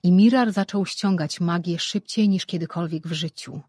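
An audiobook narrator reading a fantasy novel in an even, measured way, close to a studio mic. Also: mid-range voice, breathy edge, no room sound. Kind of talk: scripted narration.

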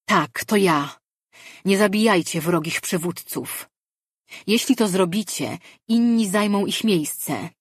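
A woman's voice: medium pitch, slow, slightly rough, no echo, clean studio sound, pitched above the performer's own voice. A woman voicing a commanding goddess. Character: divine goddess speaking in minds, authoritative.

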